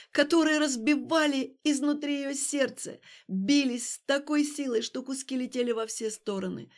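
Woman narrating a dramatic audiobook. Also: sits high. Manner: dramatic, emotionally charged reading. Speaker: audiobook reader.

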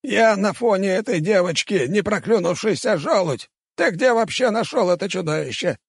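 Grumpy ancient tree-creature merchant, rude and rasping, pitched way up. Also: male voice, expressive, moderate pace, no room sound, clean studio sound, full character voice. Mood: indignant. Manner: snappish, rude. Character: grumpy old male tree-creature shopkeeper.

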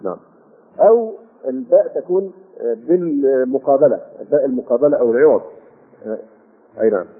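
An older man with an Egyptian Arabic accent giving a Quran commentary lesson, explaining with rhetorical questions and drawn-out fillers. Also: mid-range voice, lively intonation. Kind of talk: classroom tafsir lesson. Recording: phone-like husky lo-fi.

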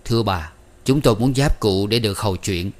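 A man's voice: on the low side, brisk, lightly acted. A man voicing a suave, deferential male undertaker who speaks with formal politeness.

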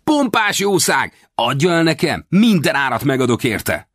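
A man voicing an eager, cheeky young boy who chatters in a high, excited, boastful way in an audiobook. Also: dry recording, clean studio sound. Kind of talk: audiobook character voice.

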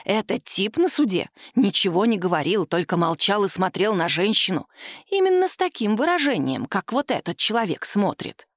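A woman voicing a fussy, anxious middle-aged aunt who talks in a hurried, fussing way, in an audiobook. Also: medium pitch, big pitch swings, no room sound, clean studio sound.

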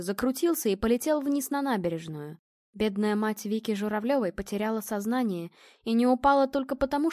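A woman narrating an audiobook in an expressive storytelling manner. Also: fairly high pitch, no room sound, studio quality. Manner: expressive storytelling, voicing characters.

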